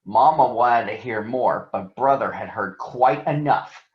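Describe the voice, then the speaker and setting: Reading aloud from a storybook for children, a medium-pitched male voice delivers the tale with deliberate, expressive storytelling. The sound is lo-fi and dull, with noticeable room echo.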